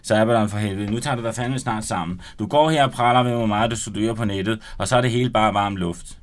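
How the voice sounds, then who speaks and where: A man voicing a brash, excited young man who is loud and crude. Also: fairly low pitch, lightly acted. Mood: brash, rowdy. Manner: loud and pushy.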